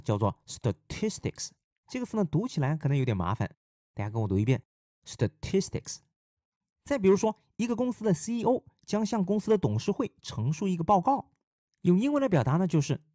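A man from China teaches English vocabulary with a lively, explanatory delivery. His pitch swings widely between high and low, and his tone stays mellow. The sound is dry and close. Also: dry recording. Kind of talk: vocabulary lesson.

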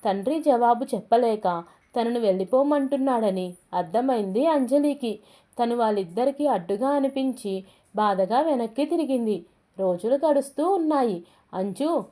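A woman narrates a scripted family story in a gentle, even storytelling voice. Her voice sits a little high but sounds soft and mellow rather than bright, and she speaks the characters' lines without changing into different voices.

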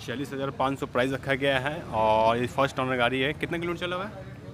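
Talking fast over heavy background noise, a young vlogger with a mid-range voice hosts an upbeat walk-through of an outdoor used-vehicle lot. He holds a lapel-style mic and repeats the seller's answers back.

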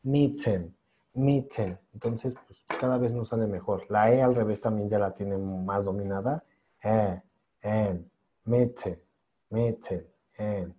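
A man leads an online pronunciation class. His voice is dark and mellow as he repeats each sound slowly and patiently. He praises students warmly after each try. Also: fairly low pitch. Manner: patient, encouraging, drills sounds by slow repetition. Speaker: English pronunciation teacher.

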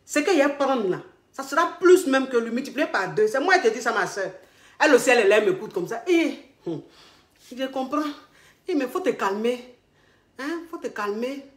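Lively Ivorian woman telling stories. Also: fairly high pitch, a little fast. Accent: Ivorian French. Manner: expressive, repeats herself, laughs often, acts out dialogue. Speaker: relationship coach. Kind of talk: animated comic storytelling. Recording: echoey room.

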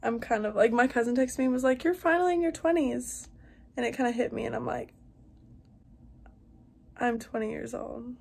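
A woman's voice: fairly high pitch, normal speed, vocal fry, pauses often, a little mellow, breathy edge. A twenty-year-old woman, chatting upbeat to a phone camera held at arm's length in a car and a bedroom. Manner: chatty, upbeat, filler-heavy. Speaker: vlogger. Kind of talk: casual vlog chat.

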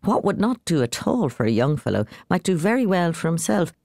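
A narrator reading a short story aloud in an expressive, measured way. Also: mid-range voice, gravelly, dry recording, clean studio sound.

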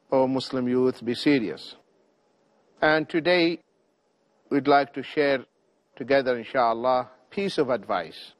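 A middle-aged man giving a televised religious lecture, exhorting his listeners in deliberate short phrases. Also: mid-range voice. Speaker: Islamic preacher.

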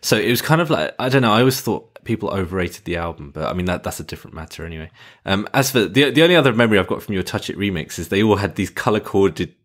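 A man co-hosting a music podcast in relaxed, conversational chat with some fillers. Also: fairly low pitch, quick pace. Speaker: podcast co-host. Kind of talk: casual chat.

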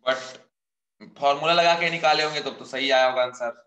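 Echoey chemistry teacher. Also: male voice, medium pitch, brisk, bright, forceful tone, highs cut off. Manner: chatty, scolding yet encouraging, addresses students as kids. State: unwell, speaking slower and softer. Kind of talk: online exam-prep lecture.

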